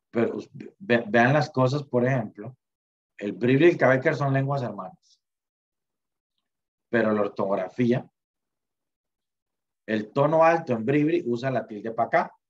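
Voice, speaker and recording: A man's voice: mid-range voice, breathy edge, dull audio. A man teaching an online class in a chatty way, full of fillers and restarts, over a video call mic.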